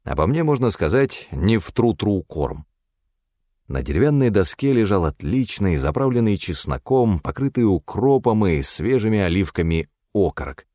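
A man narrating a first-person audiobook in a wry, expressive storytelling manner. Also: on the low side, normal speed, dry recording, clean studio sound.

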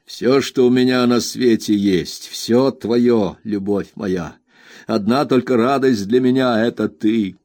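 A man voicing a tender young fisherman who softly consoles his beloved. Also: mid-range voice, a little slow, dry recording, studio quality, natural voice.

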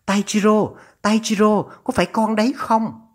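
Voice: medium pitch, steady tone, moderate pace, voice pushed up, natural voice. A narrator voicing an anxious older mother on the phone, her trembling voice urgent and scolding as she pleads. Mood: pleading, alarmed.

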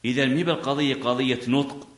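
A man's voice: mid-range voice, fairly even intonation, fast talker, reverberant. A man teaching a lesson on a classical legal text, reading a line and then explaining it by asking questions and answering them himself. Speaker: teacher of Islamic jurisprudence.

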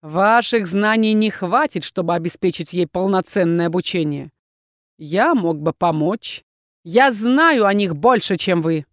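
A woman's voice: lowish voice, a little slow, no echo, clean studio sound, natural voice. Woman reading a smug mocking inquisitor lord. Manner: mocking, insolent, pushy.

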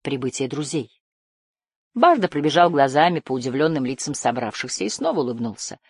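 Woman audiobook narrator, deep voice, dry close sound, measured storytelling. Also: lively intonation, a little mellow, husky, no echo. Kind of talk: scripted narration.

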